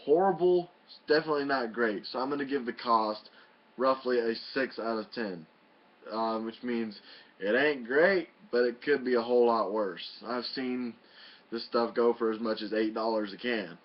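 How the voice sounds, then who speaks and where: A man's voice: medium pitch, normal speed. A man giving a casual, folksy and mildly profane review in a home video. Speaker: product reviewer. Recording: muffled lo-fi home video audio.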